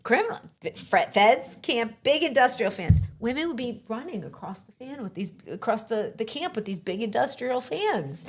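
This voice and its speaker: A woman who is a guest on a podcast, chatting casually, animated and laughing often as she tells stories. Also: a little high, normal speed, hardly any pauses, husky. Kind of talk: casual conversation.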